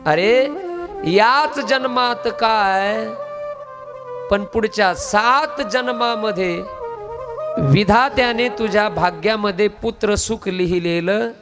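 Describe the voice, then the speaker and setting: A high-pitched man tells a devotional story as a sermon to a live gathering. He speaks emphatically, quizzing his listeners and calling for their answers. Musical instruments sound clearly behind his voice. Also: slow pace, music in the background. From Beed, Maharashtra. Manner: emphatic, quizzes the audience and asks them to answer aloud. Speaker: Bhagavat katha preacher. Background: musical instrument accompaniment.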